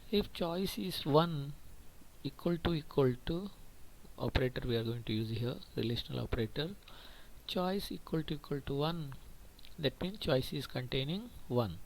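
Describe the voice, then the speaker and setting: A man's voice: a little high, animated, normal speed, vocal fry, slight background noise, low-quality recording. A male computer teacher walks through a programming lesson, explaining patiently and repeating points, often checking in with "okay.". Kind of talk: screen-recorded programming lesson.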